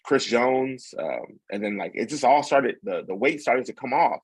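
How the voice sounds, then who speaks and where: A young man, a podcast guest, telling a story in a relaxed, rambling way with plenty of fillers and restarts. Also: medium pitch, moderate pace, husky, dry recording, low-quality recording. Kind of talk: casual storytelling.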